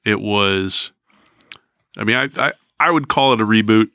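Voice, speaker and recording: A man in his fifties with a very low, bright, crisp voice talks in a loose, rambling way, pausing with lots of ums. The sound is dry and close, like a studio mic. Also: no echo. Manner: rambling, hesitant with many ums. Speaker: podcast co-host. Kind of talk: casual podcast chat.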